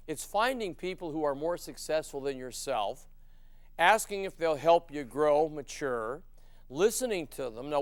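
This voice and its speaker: A man's voice: on the high side, clear, resonant tone, no room sound. An older man giving a folksy, emphatic motivational sales lecture, asking his listeners questions as he goes. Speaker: sales trainer.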